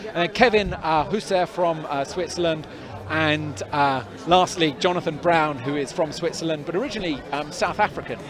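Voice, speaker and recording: Outdoors at a climbing event, with a crowd audible behind him, a man does live sports commentary and interviews. His voice is a little high and moderately paced with hardly any pauses, and he rambles chattily with lots of fillers and restarts.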